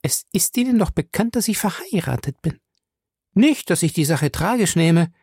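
A man doing a poised married woman in an audiobook, her voice lifted well above his own and a touch affected. She sounds urgent and concerned, with a gravelly edge and a dry, close sound. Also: sits high, big pitch swings, moderate pace, darkish tone, no room sound, pitched above the performer's own voice, full character voice. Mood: affected, worried. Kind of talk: audiobook character voice.

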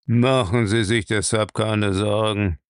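A man's voice: fairly low pitch, fairly even intonation, slow pace, clear, resonant tone, no echo, clean studio sound. A man voicing a curt, grumbling old lord of a castle in a storybook reading. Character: gruff old male castle lord, cold.

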